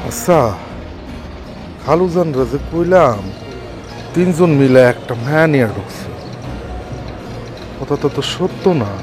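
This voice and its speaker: A man's voice: a little high, animated, measured pace, pauses often. An actor playing a young male house caretaker, fussy and scheming, speaking in an anxious way. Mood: worried. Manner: anxious, calls everyone uncle-in-law. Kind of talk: TV comedy drama. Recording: music bed under dialogue.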